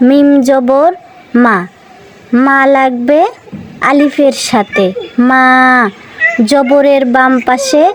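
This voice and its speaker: Slow, high-voiced woman teaching Quran reading. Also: steady tone, a little hiss or hum, rough recording. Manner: patient, spells out each letter and vowel mark, then repeats the syllable; asks the listeners questions and answers them herself. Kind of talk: slow step-by-step recitation lesson for children.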